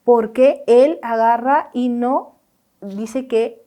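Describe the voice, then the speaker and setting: A woman's voice: a little high, very slow, mellow. Earnest woman co-hosting a faith chat. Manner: earnest, emphatic, repeats key points. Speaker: co-host.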